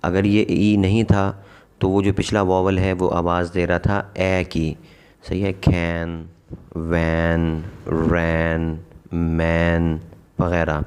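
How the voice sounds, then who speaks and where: A man explaining an English lesson patiently, repeating example words slowly for practice. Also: low-pitched, little pitch movement, darkish tone, clear, resonant tone. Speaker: English teacher.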